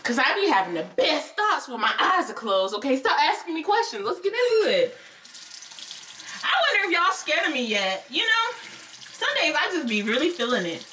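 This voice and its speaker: Playful, lively young woman vlogger. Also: high-pitched, normal speed, far from the mic, slight background noise. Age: young adult. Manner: playful, rambling, laughing often; talks with her eyes closed. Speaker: beauty vlogger. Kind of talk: casual chat to camera.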